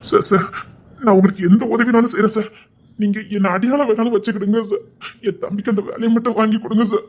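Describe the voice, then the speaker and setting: A man playing a fast-talking desperate elder brother. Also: high-pitched, fairly even intonation. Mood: pleading. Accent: Tirunelveli Tamil. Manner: begging, repetitive, emotional.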